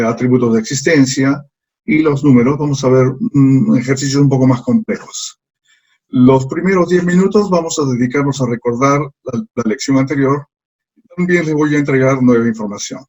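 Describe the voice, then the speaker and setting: Male language teacher, husky mid-pitched voice, patient and methodical. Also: darkish tone, rough recording. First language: Spanish. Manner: slow, patient, repeats sounds for learners to copy. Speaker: English teacher. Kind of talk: slide lesson.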